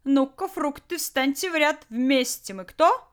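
A woman voicing a brash, cocky young man who shouts crude jokes and threats. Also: fairly low pitch, lively intonation, brisk. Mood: mocking.

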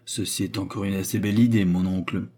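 A man voicing an eager young male rogue who admires his villainous mentor, in a husky voice. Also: low-pitched, fairly even intonation, fast, warm tone. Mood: admiring.

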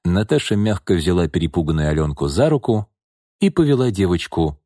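Male narrator, lively intonation, dry close-miked studio sound. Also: low-pitched, fairly quick, no room sound. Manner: expressive, dramatic reading. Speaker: audiobook narrator. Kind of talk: scripted narration.

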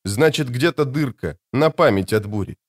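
A man narrates a novel as an audiobook reader, delivering scripted narration in a measured, dramatic storytelling style. His voice sits at a medium pitch with lively intonation.

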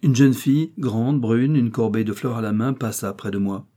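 Husky, mellow-voiced male audiobook reader. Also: medium pitch. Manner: measured, even reading of nineteenth-century prose. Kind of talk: literary audiobook narration.

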